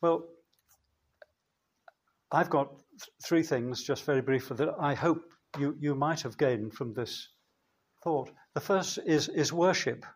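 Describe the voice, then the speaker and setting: Slow, measured male preacher. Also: on the high side. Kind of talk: sermon.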